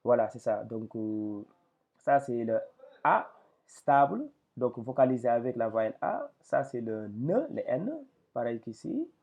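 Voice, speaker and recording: Slow gravelly man teaching, tinny audio. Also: mid-range voice, animated, mellow. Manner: slow, hesitant with many fillers. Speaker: Arabic reading teacher. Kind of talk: lesson explaining letters.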